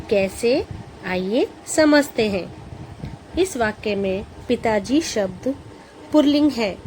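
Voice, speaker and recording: Woman slowly reading a school lesson, says each word twice, faint hiss behind. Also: a little high, low-quality recording. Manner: slow, even, careful pronunciation drills. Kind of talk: scripted lesson narration.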